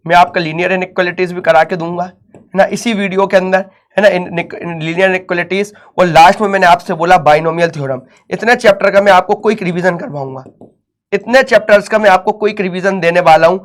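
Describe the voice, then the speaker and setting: A young man teaching maths to students in a chatty, repetitive exam-prep lecture, coaxing them along. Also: high-pitched. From India.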